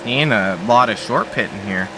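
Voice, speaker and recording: A Canadian man calling an online truck race as lead commentator, relaxed and chatty. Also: medium pitch, moderate pace, background noise. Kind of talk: sim racing commentary.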